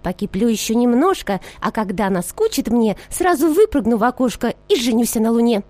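A woman voicing a boastful, hot-headed male copper samovar who puffs and brags in a loud singsong. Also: on the high side, big pitch swings, fairly quick, no echo. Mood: dreamy. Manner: loud, puffing, bragging singsong.

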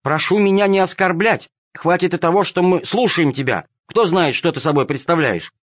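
A man voicing squeaky, mocking little male kittens who think they are dogs, in a storybook reading on a dull, dry recording. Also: expressive, moderate pace, no echo.

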